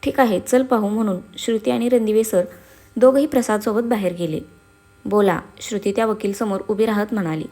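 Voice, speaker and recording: A woman's voice: medium pitch, a little fast, dark tone. Woman reading a story aloud. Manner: voices every character herself, mostly in her own tone.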